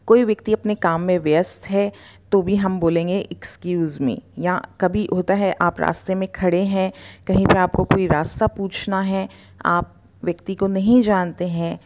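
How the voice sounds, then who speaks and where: Slow-speaking woman tutor. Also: lowish voice, a little mellow. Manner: repeats words slowly, drawing out sounds. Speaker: spoken English tutor. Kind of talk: slow pronunciation lesson.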